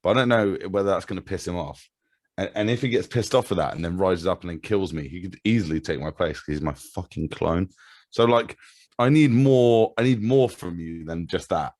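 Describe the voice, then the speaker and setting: A man from England, a comedian guest in a casual chat, talking in an animated, sweary, rambling way. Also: deep voice, brisk.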